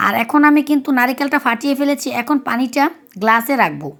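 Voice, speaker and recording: High-voiced woman narrating a recipe. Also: lively intonation, quick pace, a bit bright. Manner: chatty, explains each step. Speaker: cooking vlogger.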